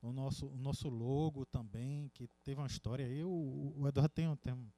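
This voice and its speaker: A man's voice: medium pitch, fairly even intonation, normal speed, dark tone, no room sound. A man co-hosting a podcast in casual chat, rambling with many restarts. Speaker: podcast co-host.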